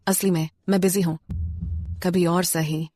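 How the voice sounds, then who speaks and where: A gossipy neighbor wife in a dubbed drama, chatty and nosy. Her voice is lower than most women's and sounds dry and close. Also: level tone, a little slow, mellow, no room sound. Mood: friendly.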